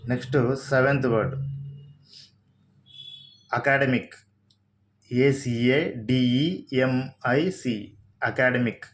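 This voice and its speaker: Telugu-accented man teaching vocabulary slowly. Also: medium pitch, a little hiss or hum. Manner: spells words out letter by letter, slowly. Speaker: English vocabulary tutor. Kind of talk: slow vocabulary lesson.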